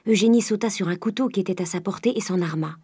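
A woman reading a classic novel aloud as an audiobook narrator, in a measured, even way, close to the mic. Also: medium pitch, husky, no room sound.

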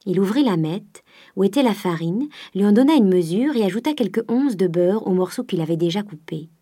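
A woman's voice: mid-range voice, expressive, a little fast, dark tone, dry recording, studio quality. Woman reading a classic novel aloud. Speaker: audiobook narrator. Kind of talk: scripted narration of a classic novel.

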